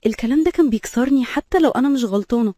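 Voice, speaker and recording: A woman's voice: a little high, expressive, very fast, warm tone, dry recording, studio quality. A young woman with an Egyptian accent, telling her own story in a dramatic, emotional scripted narration. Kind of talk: scripted first-person storytelling.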